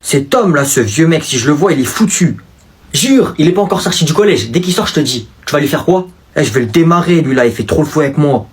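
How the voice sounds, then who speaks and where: A man's voice: fairly high pitch, animated, quick pace, slightly rough. A man performing comedy sketches in slangy casual banter, switching between characters.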